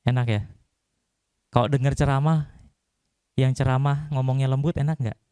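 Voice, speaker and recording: A man's voice: medium pitch, fairly even intonation, normal speed, warm tone, smooth, no room sound, clean studio sound. A young man giving a casual Buddhist dhamma talk, chatty and joking, often putting questions to the audience. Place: temple hall.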